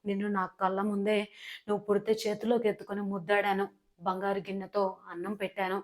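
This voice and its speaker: A woman voicing an affectionate, wealthy middle-aged father in a serial recap, speaking in a gentle, reassuring way. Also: mid-range voice, level tone, fast talker, natural voice.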